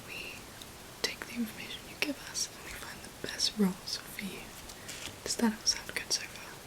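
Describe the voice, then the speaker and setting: A young woman from England whispers softly and breathily close to the mic in an ASMR roleplay, playing a recruitment consultant with polite, gentle, attentive customer-service patter. Her voice is mid-range at a normal speed. She records in a small room at home, with computer keyboard typing in the background, and the recording is rough.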